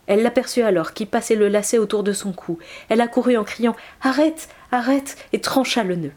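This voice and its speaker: A woman reading an old tale aloud in a soft, measured way, at times near a whisper. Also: medium pitch. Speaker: narrator.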